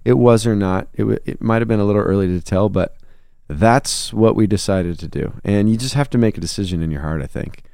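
A man with a lowish voice speaks earnestly and reflectively, telling a personal story as a guest. The sound is dry and close, with no room around it. His delivery is that of a musician talking things through in conversation. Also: fairly quick, gravelly, few pauses, a little mellow, smooth, dry recording. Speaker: songwriter and musician. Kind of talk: conversational interview.

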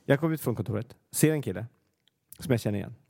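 Gravelly man telling anecdotes, laughing. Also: medium pitch, animated, mellow, no echo, clean studio sound. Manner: laughs often, tells anecdotes. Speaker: podcast co-host. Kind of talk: casual chat.

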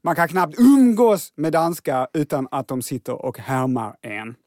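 A man's voice: on the high side, no echo, clean studio sound. A man hosting a casual podcast, chatting and reading out a listener's letter. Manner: lively, reads listener letters. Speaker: podcast host.

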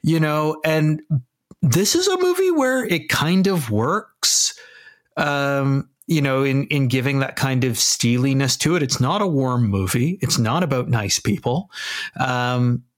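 A man's voice: medium pitch, lively intonation, unhurried. A male podcast co-host muses about a film, thinking aloud and circling back on his own words. His voice sits in an ordinary middle range. The talk is loose and conversational. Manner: musing, thinks aloud with many restarts. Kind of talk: casual film discussion.

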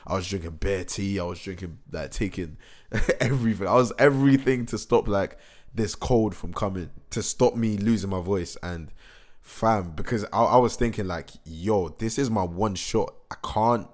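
Low-voiced young man, excitable. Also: moderate pace. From England. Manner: excitable, rambling, slangy, many fillers and restarts. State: hoarse, recovering from a cold. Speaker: musician. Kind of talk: casual vlog recap.

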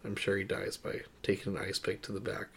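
Another man co-hosting a podcast talks about movies in an informal, casual review chat. His voice is low, gravelly and husky, delivered briskly in a monotone.

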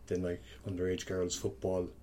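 A man of thirty speaks in a fairly low voice with a strong west of Ireland accent from Kerry. He rambles candidly in casual podcast chat, with noticeable noise behind him. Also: completely flat delivery, normal speed, warm tone. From County Kerry, Ireland. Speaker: podcast guest, sports coach.

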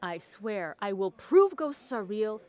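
An actress playing an excitable, awkward young woman podcaster obsessed with proving ghosts, in a fiction podcast drama. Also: medium pitch, slow pace. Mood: excited. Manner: eager, awkward.

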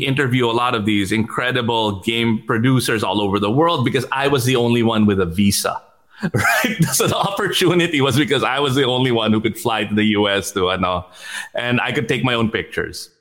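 Guy on a podcast, mid voice, quick, laughy, stumbles on words. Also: medium pitch, a bit bright. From Philippines. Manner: quick, laughing, repeats words, mixes in Filipino. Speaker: guest, startup executive. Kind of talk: casual interview chat.

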